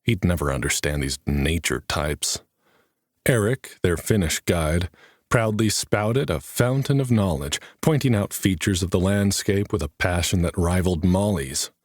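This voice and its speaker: A man's voice: low-pitched, unhurried, no room sound. A man narrating an audiobook with a dry, wry delivery.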